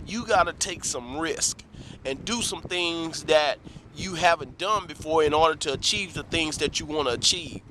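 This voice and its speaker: A man's voice: fairly high pitch, background noise. A man giving a preachy motivational talk to camera, full of rhetorical questions and repeated calls of "let me tell you something.". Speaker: motivational vlogger.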